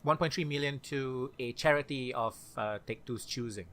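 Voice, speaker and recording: A man co-hosting a gaming podcast, casually relaying news items in a relaxed way. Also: medium pitch, normal speed. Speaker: podcast co-host. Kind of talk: casual chat.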